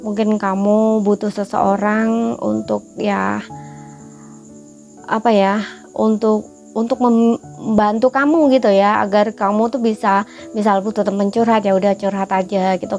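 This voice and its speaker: A woman's voice: mid-range voice, flat delivery, moderate pace, vocal fry, long pauses, a little mellow, dull audio, soft background music. A woman giving a casual, reassuring tarot reading, speaking in a chatty way with many fillers. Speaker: tarot reader.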